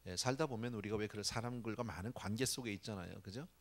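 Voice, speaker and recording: A man's voice: lowish voice, fast talker. A male pastor giving a conversational sermon at a church prayer meeting, often dropping "yes" between phrases.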